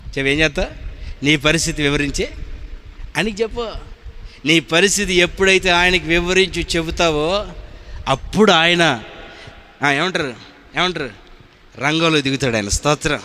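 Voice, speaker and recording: A man preaching a sermon as pastor, emphatic, moving from hushed asides to shouted peaks. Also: on the high side, normal speed, long pauses. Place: church hall. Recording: long reverb of a church hall, faint noise.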